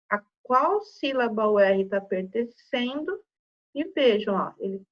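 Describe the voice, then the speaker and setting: A woman with a fairly high voice, heard through lo-fi audio, teaches a recorded spelling lesson to children. She has a Brazilian Portuguese accent and patiently draws out example words one syllable at a time.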